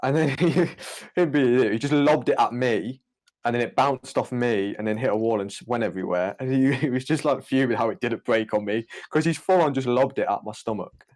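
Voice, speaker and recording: Easygoing young podcast host. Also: male voice, medium pitch, a little mellow. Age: young adult. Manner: easygoing, quick retelling with laughs. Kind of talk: casual chat.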